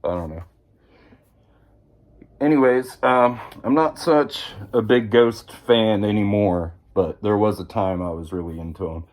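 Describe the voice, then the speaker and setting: A man's voice: lowish voice, a little slow, a little mellow. A man vlogging a casual show and tell at home, chatty and rambling with a self-deprecating humor. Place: indoors at home.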